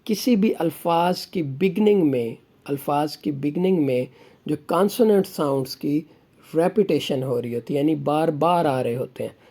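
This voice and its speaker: A male teacher explains grammar in a mellow, relaxed tone. He poses questions to his students and answers each one himself, in a steady classroom manner. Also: on the high side. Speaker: English teacher.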